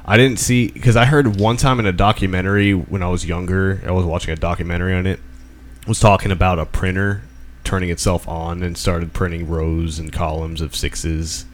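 A man's voice: low-pitched, steady tone, moderate pace, slight background noise. A man co-hosting a casual podcast chat, telling stories in a hesitant way full of fillers. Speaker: podcast co-host.

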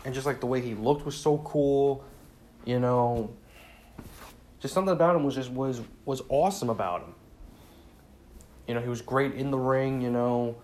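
A man's voice: mid-range voice, moderate pace, long pauses, a little mellow. Saddened man, solo podcast host, rambling sincere casual chat, faint hiss behind. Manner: rambling, sincere, many fillers and restarts. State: saddened, subdued. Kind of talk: casual solo tribute talk.

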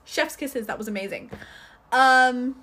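A chatty young woman talks through a film review in a loose, rambling way, tripping over restarts and fillers. Her voice sits a little high for a woman and has a faint husky edge. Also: unhurried, fairly bright tone. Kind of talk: casual video review.

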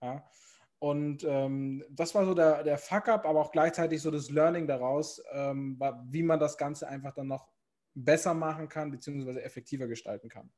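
A man's voice: a little high, moderate pace, a little mellow. A man chatting casually on a podcast, rambling with lots of fillers and restarts. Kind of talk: casual chat.

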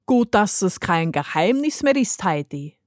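A woman doing a gentle old grandfather. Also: mid-range voice, measured pace, no room sound, clean studio sound. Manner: calm, soothing, relishing.

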